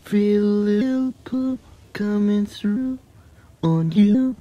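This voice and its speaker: A man doing a high auto-tuned singing voice. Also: takes it slowly, dark tone, no room sound, dull audio. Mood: sung. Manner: sung, drawn out. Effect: auto-tune pitch shift.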